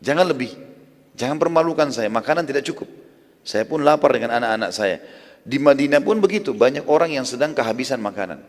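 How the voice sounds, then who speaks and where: A man's voice: medium pitch, lively intonation, quick pace, long reverb tail, natural voice. A man quoting a practical, insistent wife. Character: wife of a companion, resourceful woman.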